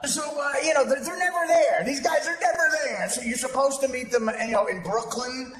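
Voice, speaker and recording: A man's voice: very high voice, brisk, a bit bright. A man telling a profane, self-mocking comic story on stage to a live audience, recorded in an echoey hall. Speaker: comedian. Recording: echoey hall with background noise.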